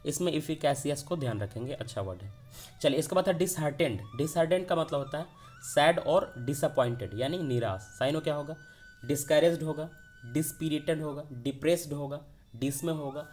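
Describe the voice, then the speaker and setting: A man's voice: fairly high pitch, brisk, darkish tone, faint music behind. A man teaching an exam vocabulary lesson, posing questions to himself and answering them as he goes.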